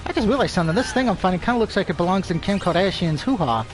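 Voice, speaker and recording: A man commentates casually on a live game stream, rambling, swearing, and weighing in on everything, with a speech impediment. His high-pitched voice is lively and rapid-fire, and music plays underneath.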